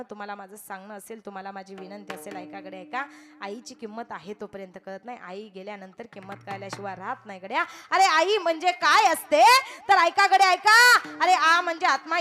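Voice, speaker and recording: A young woman preaching a devotional kirtan sermon, impassioned and rising to near-shouts as she calls out to the crowd. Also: fairly high pitch.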